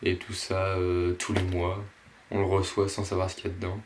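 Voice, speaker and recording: A man casually presenting and unboxing a box of fishing lures, pausing often with fillers. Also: low-pitched, monotone, background noise. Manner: slow, hesitant, many fillers. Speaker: fishing vlogger.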